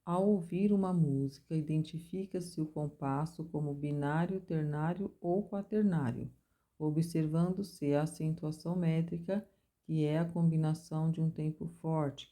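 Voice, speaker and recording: A woman with a low, mellow voice teaches a music theory class. She explains each point step by step and chants rhythm syllables to mark the strong beats. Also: unhurried. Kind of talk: recorded music theory lesson.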